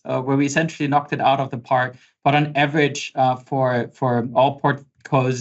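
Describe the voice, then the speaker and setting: Casting note: man in his forties, German accent, chatty webinar presenter, mid-pitched, slightly muffled audio. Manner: conversational, many fillers and repeated words. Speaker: pricing consultant presenting a webinar. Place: home office.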